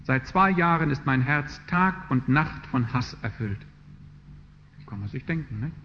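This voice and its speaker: A man's voice: medium pitch, expressive, a little slow. A man delivers a sermon in an earnest, searching manner and grows emphatic as he drives his points home. The recording is dull and lo-fi, with a long hall reverb and a faint hiss behind him. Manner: earnest, rising to emphatic passages. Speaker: preacher.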